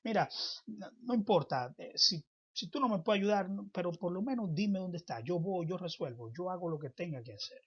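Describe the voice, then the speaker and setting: Guy doing a frantic grieving woman, pleading high and husky, muffled lo-fi sound. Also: lively intonation. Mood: desperate pleading. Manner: rushed, pleading, halting restarts. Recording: dull lo-fi recording.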